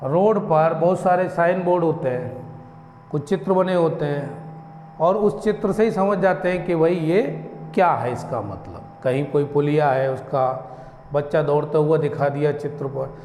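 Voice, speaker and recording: Male lecturer, high voice, slow deliberate delivery, roomy reverb with faint ambience. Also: darkish tone, slight background noise. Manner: slow, deliberate, drawn-out syllables, rhetorical questions. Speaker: teacher. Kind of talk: classroom lecture. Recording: echoey room, faint ambience.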